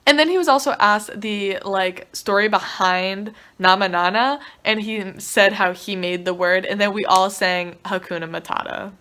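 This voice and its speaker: A young woman vlogger telling a story in a casual, excited way, swearing freely. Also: mid-range voice, moderate pace, hardly any pauses, noisy background. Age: young adult.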